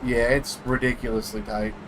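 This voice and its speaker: A man's voice: mid-range voice, level tone, moderate pace. A man talking casually as a teammate during a sim race. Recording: loud vehicle noise behind. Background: vehicle noise.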